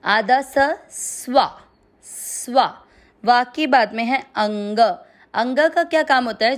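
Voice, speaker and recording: A woman guides listeners through a Sanskrit verse one syllable at a time, her voice sitting a little high. She speaks very slowly and patiently, drawing out long vowels as she recites. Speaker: Sanskrit pronunciation teacher. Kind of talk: slow step-by-step recitation lesson.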